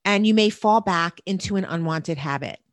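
A woman's voice: fairly low pitch, normal speed, dry recording. A woman co-hosting a podcast, talking in an upbeat, emphatic way. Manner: upbeat, emphatic, wraps up the show. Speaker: podcast co-host. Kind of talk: casual podcast chat.

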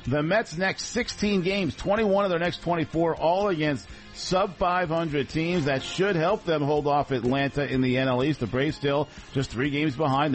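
A man's voice: on the high side, poor audio. A man delivering a scripted radio sports update as the anchor. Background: music.

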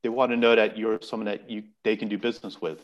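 In a muffled recording, a man speaks quickly in a lowish voice with little pitch movement. He's a native English speaker guesting on a casual podcast, explaining earnestly and repeating or restarting words as he thinks.

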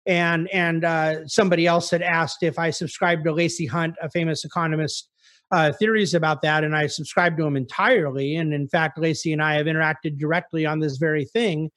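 Speaking a little fast in a fairly high, fairly bright voice with fairly even intonation, a man takes the role of an investment officer. It's market commentary on a conference call, where he gives articulate, emphatic answers to investors' questions.

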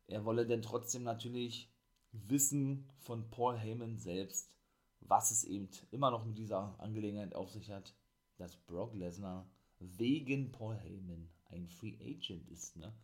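A man's voice: on the low side, unhurried. A man hosting a wrestling review, talking casually and rambling with lots of fillers. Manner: enthusiastic, excitable. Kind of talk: casual monologue recap.

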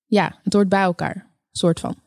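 A woman's voice: lowish voice, fairly even intonation, moderate pace, gravelly, a little mellow, no echo, clean studio sound. A woman reading as a teasing young boyfriend. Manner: teasing, impatient. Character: playful young adult man, eager boyfriend.

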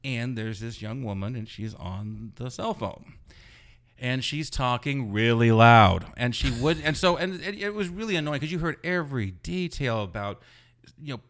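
Man rambling through an animated anecdote. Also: mid-range voice, normal speed. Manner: rambling, animated retelling full of "you know". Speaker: blogger guest. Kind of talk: casual anecdotal storytelling.

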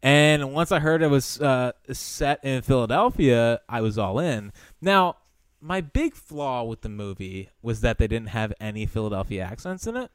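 A man's voice: mid-range voice, animated, moderate pace, clear, resonant tone, dry recording. Man, podcast co-host, playful needler; resonant voice, dry sound. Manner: teasing, playful. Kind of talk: casual sports podcast chat.

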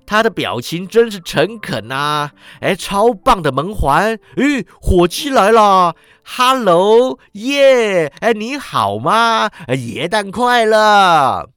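A man's voice: high-pitched, very animated, slow, hardly any pauses, a bit bright, smooth, dry recording, pitched above the performer's own voice, full character voice. A man voicing a giddy, reformed old miser who exclaims breathlessly with delight in a storybook reading. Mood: joyful.

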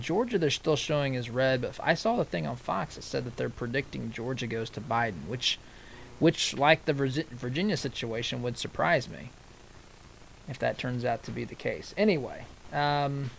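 This American host's mid-range, fairly bright voice comes through a rough recording. He's covering election night live on the radio, stumbling through off-the-cuff political analysis, often repeating himself and stopping to read numbers.

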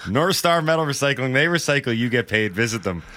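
A man's voice: medium pitch, lively intonation, brisk, sharp tone. A man hosting a sports radio morning show, reading the rundown and sponsors with dry banter. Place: radio studio.

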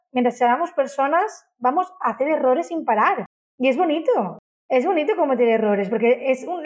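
During an interview, a woman who runs her own company speaks about it in a high, enthusiastic voice, frequently repeating words.

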